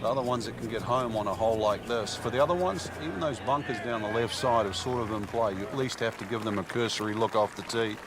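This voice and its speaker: A man working as a golf commentator, giving conversational, explanatory analysis in a measured way. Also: fairly low pitch, close to an everyday voice. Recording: outdoor crowd and ambient noise behind. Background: loud crowd, outdoor ambience.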